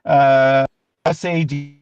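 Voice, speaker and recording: A man from Canada talking from his car over a glitchy online call that keeps breaking up, speaking haltingly with many fillers. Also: medium pitch, steady tone, a little mellow, smooth, dry recording. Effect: glitchy, breaking-up call audio. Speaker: call-in participant. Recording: muffled lo-fi call audio.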